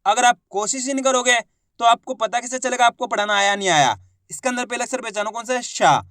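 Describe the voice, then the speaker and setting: A young adult man teaching an online Hindi reading lesson, sounding out syllables slowly and drawing out words, encouraging viewers as friends. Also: extremely high pitch, fairly bright tone, dry recording, studio quality. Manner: slow, drawn-out syllable-by-syllable pronunciation.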